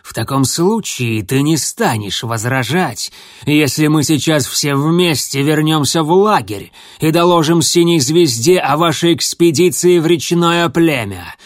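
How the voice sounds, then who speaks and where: Big mean tomcat, guy putting it on, deep growly bass, takes his time, sneers every word. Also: dry recording, studio quality. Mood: menacing. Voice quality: low threatening bass, hissing. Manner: slow, drawn-out, sneering. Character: menacing hulking male warrior cat, a bully.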